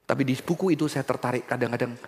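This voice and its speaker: A man preaching a sermon, swinging between soft low passages and loud, high emphatic bursts, and addressing the congregation directly. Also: fast, big-room sound, slight background noise. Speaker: pastor.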